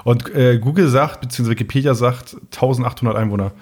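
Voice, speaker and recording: A man's voice: medium pitch, quick pace, a little mellow. A young man from East Frisia with a North German accent, telling rambling, slangy anecdotes as a podcast co-host. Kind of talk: casual anecdotal podcast chat.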